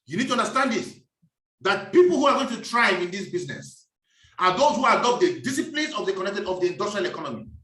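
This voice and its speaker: A man's voice: high-pitched, sing-song, quick pace, bright, forceful tone, recorded from a distance. A man giving a preachy, emphatic business talk and repeating his key phrases. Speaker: business speaker. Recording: echoey room, voice off-mic.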